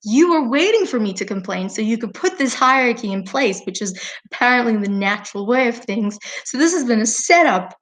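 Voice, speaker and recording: A woman's voice: medium pitch, steady tone, unhurried, lightly acted. A woman voicing an indignant complaining moon. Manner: exasperated, chatty complaining. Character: indignant female moon, complaining and feeling wronged.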